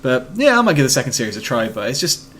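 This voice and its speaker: A man's voice: medium pitch, very animated, quick pace, fairly bright tone. A man co-hosting a podcast, chatting casually and rambling with many fillers and restarts, a little sleepy. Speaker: podcast co-host. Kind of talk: casual chat. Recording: faint background noise.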